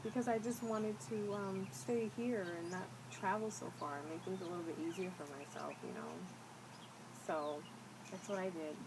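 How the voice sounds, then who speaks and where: A woman's voice: medium pitch, fairly even intonation, moderate pace. A young woman with a slight whistle on her s sounds, chatting casually and rambling hesitantly to camera. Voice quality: slightly whistling s from new braces. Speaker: vlogger. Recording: loud background noise, amateur home recording.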